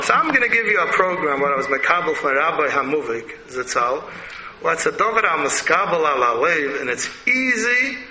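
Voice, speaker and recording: A sharp, forceful man's voice, pitched fairly high, with a Yiddish-inflected American accent. He preaches like an Orthodox rabbi, blunt and emphatic, throwing out question after question. The sound rings in an echoey hall with some noise behind it. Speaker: rabbi giving a religious lecture.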